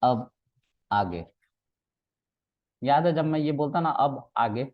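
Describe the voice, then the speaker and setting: A man's voice: medium pitch, darkish tone. A man teaching a class as their trainer, teasing his students in playful, casual banter and mixing in English words.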